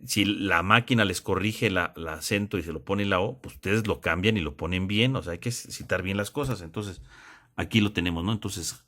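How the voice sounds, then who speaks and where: A man's voice: low-pitched, normal speed, pushed and bright. A man teaching a theology lesson, explaining step by step and checking in with tag questions. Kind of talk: classroom lesson.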